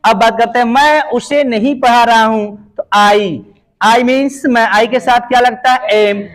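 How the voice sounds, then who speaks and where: A man teaching English grammar in Hindi. He asks questions and answers them himself, and he says each English example sentence slowly. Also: extremely high pitch, fairly even intonation, rough recording. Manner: slow, drawn-out reading of English example sentences. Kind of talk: Hindi classroom-style grammar lesson.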